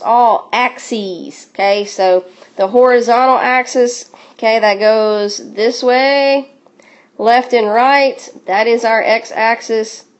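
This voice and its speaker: A woman's voice: medium pitch, dull audio. A woman teaching a recorded sixth grade math review, upbeat and encouraging, with playful catchphrases as she walks through each step. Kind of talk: recorded classroom review lesson.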